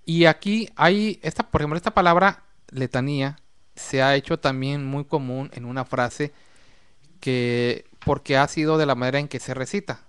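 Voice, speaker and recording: A man's voice: mid-range voice, moderate pace, fairly bright tone, smooth. A man co-hosting a religious talk program, explaining at length with long lists and rhetorical questions. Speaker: co-host of a religious discussion program. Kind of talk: casual religious discussion.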